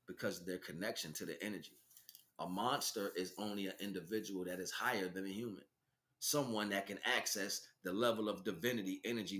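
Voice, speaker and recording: Speaking in a lowish voice with a fairly bright tone, a teacher gives an impromptu spiritual talk. He preaches emphatically, repeating himself in short bursts.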